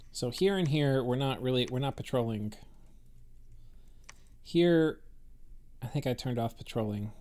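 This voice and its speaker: A man's voice: medium pitch, darkish tone. A man giving casual, rambling commentary on a strategy game he is playing, thinking aloud with many fillers and restarts. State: has the hiccups.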